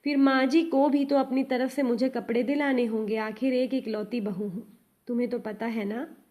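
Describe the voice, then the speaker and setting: A woman voicing a young wife who is demanding and quick to sulk, speaking in a complaining, insistent way. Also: on the high side, steady tone, warm tone, lightly acted.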